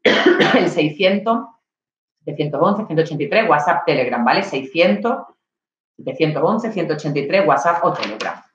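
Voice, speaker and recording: Woman, nervous storyteller, lively monologue, distant dull lo-fi mic. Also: sits low, moderate pace, very echoey, slight background noise. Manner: lively, acts out scenes, addresses the audience with "¿vale?". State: nervous, coughing. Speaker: speaker at an online talk. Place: home patio.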